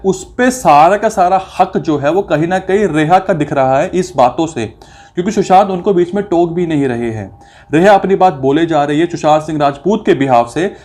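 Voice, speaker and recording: A man with a somewhat high, slightly mellow voice delivers opinionated video commentary. He sounds indignant and accusatory, firing off rhetorical questions and mixing English phrases into his speech.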